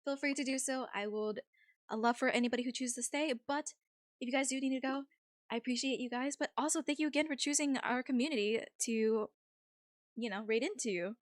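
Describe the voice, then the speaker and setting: A livestream host with a high voice talks briskly and informally to her viewers in a casual, chatty way. The recording is dry, with no room echo.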